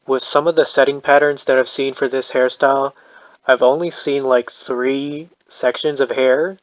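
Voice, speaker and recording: A man calmly talking through a hair-setting tutorial in a voice-over, soft-spoken and methodical. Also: mid-range voice, no echo, low-quality recording. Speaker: doll hair tutorial host. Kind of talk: calm instructional voice-over.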